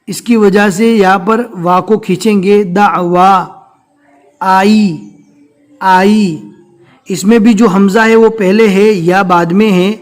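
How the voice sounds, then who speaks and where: A man teaching Urdu reading step by step, patiently explaining each word and repeating it slowly. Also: high-pitched.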